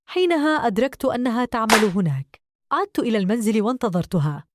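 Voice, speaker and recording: A woman narrating a first-person story in an expressive storytelling manner. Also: a little high, quick pace, background noise.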